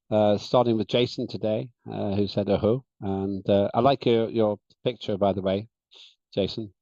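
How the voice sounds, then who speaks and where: A man chairing an online parliamentary session, speaking in a measured, deliberate way with frequent "uh" fillers, over a slightly dull video call. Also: medium pitch, darkish tone, no room sound.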